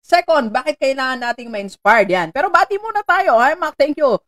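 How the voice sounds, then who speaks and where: A Filipino woman hosting a live-streamed motivational talk, chatty and animated, laughing often and greeting viewers by name. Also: high-pitched, moderate pace. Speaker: motivational host.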